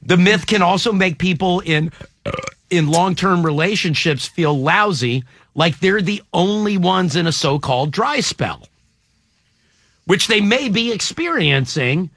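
A man's voice: sits high, lively intonation, measured pace, a bit bright, dry recording. A man hosting a casual panel chat, reading out statements and quizzing the panel playfully. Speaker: host.

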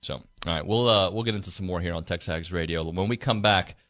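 A man's voice: low voice, fast, a bit bright, no echo. A man hosting a casual sports talk radio show from a studio, reading stats and sponsor spots in a playful way. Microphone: studio mic.

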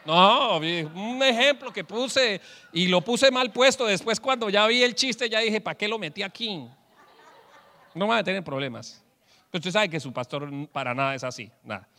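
Man, animated storytelling sermon, bright tone, reverberant hall. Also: sits high. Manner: animated storyteller acting out quotes. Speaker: preacher. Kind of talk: humorous sermon with jokes.

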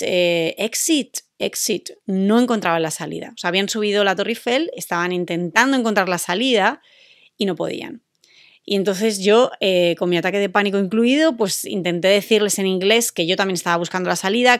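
A woman tells a personal story in a chatty, rambling way, filling pauses with small sounds. Her voice sits at an ordinary middle pitch. The recording is close and dry, with no room sound. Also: no echo. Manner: chatty, hesitant with many fillers. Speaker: podcast co-host. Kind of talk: casual storytelling.

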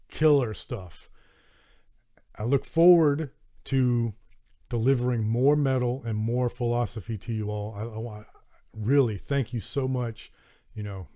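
A man's voice: mid-range voice, warm tone. A man with a Southern American accent hosting his own podcast, chatting earnestly and enthusiastically, with frequent restarts. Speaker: podcast host. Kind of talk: casual solo podcast talk.

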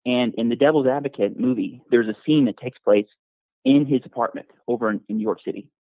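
A man calls in over a tinny phone line, a little out of breath after a run. He speaks haltingly, stumbling through fillers and restarts. The sound is dry and narrow. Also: medium pitch, no room sound. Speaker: caller.

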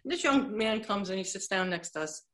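A woman's voice: medium pitch, brisk. A woman from Long Island telling a story in casual chat, acting out the dialogue as she goes. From Long Island, New York. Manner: lively storytelling, acts out quoted dialogue.

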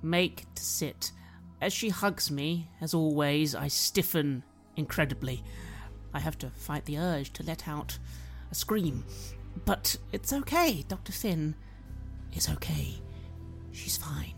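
A woman playing an anxious patient in a tabletop game, talking in a halting, stammering way. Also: deep voice, big pitch swings, soft background music. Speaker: player. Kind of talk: in-character role-play as an anxious patient.

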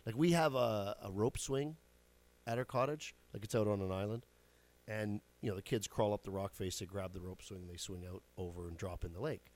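A man's voice: fairly low pitch, brisk, a little mellow. A man in his forties hosting a show, telling stories in a chatty, casual way, swearing now and then and laughing at his own jokes. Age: 40s. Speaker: radio show host. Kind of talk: casual storytelling monologue.

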